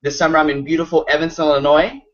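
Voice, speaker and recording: A man's voice: a little high, little pitch movement, racing. A young man from Venezuela, a student advisor, chatting upbeat on a panel. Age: young adult. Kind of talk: casual panel chat. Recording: dull lo-fi audio.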